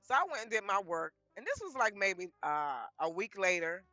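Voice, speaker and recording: Middle-aged dc-woman just chatting thru her life story, bright voice, dry close sound. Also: medium pitch, normal speed, dry recording, faint music behind. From Washington DC area. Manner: lively, chatty retelling of conversations with frequent laughs. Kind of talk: casual storytelling.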